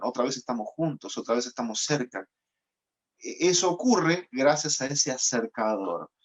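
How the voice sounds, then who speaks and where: Man preaching with a dull sound. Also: medium pitch. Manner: explanatory teaching tone with frequent fillers. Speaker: pastor. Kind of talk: sermon.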